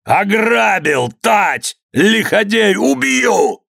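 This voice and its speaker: A man's voice: medium pitch, lively intonation, unhurried, breathy edge, no echo. A wrathful, domineering old merchant father, voiced by a man reading a historical novel aloud. He bellows and scolds in archaic, old-fashioned speech. The sound is dry and close. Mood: furious.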